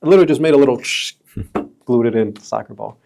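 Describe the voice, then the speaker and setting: A man in his early thirties from the Chicago area, telling stories as a podcast guest in a relaxed, casual way, peppered with bro and dude. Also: mid-range voice, a little fast, gravelly, a little hiss or hum. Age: 30s. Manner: laid-back, calls friends bro and dude. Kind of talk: casual storytelling chat.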